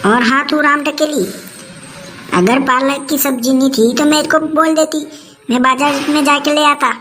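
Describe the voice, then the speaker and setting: This is an exasperated son played by a woman in a comic family skit. He pleads with both sides and then loses patience. He speaks in a high voice over a faint hiss. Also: steady tone, measured pace, a bit bright. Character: exasperated grown son caught in the middle.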